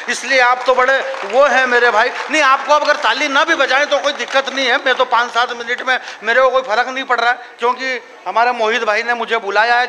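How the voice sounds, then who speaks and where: A man's voice: extremely high pitch, pushed and bright. A man with a Marwari accent speaking as a poet on stage at a poetry gathering, joking with the audience in chatty asides. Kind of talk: kavi sammelan stage talk with humor. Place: large hall at a live poetry gathering. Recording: reverberant hall, faint background noise.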